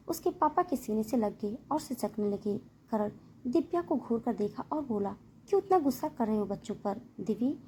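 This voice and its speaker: A woman narrates a romantic family story with expressive storytelling. Her voice sits on the higher side. A faint hiss runs under the recording.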